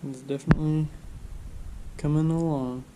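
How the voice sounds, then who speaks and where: A car restoration vlogger with a stuffed-up nose talks casually at normal speed, his voice on the high side, as he rambles through work in his home garage workshop. He sounds relaxed and thinks aloud with plenty of fillers, and the background is noisy.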